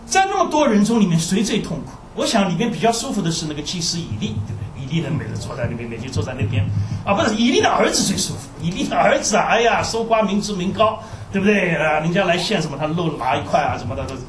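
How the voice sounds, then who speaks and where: Animated male preacher in an echoey hall. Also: sits high, quick pace, hardly any pauses, slight background noise. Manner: animated, rhetorical questions with frequent sighing interjections. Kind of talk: sermon. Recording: roomy hall recorded from a distance.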